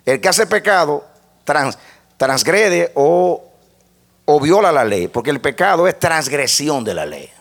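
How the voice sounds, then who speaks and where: A man's voice: a little high, sing-song, unhurried, vocal fry. A man preaching a sermon, teaching step by step and asking the congregation to repeat phrases after him. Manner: spells out points step by step like a lesson.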